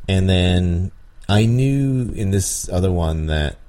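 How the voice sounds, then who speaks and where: Guy with a really deep mellow voice rambling about running games, lots of ums and little laughs. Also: animated, slow pace. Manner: rambling, chuckles often, many ums and restarts. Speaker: podcast host and dungeon master. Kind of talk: casual advice talk.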